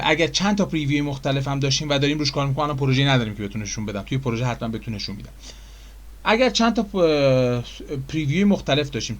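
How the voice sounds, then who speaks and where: Chatty Persian man teaching software. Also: on the high side. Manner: casual, chatty, with many fillers and asides. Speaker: software tutor. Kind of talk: screen-recorded software tutorial.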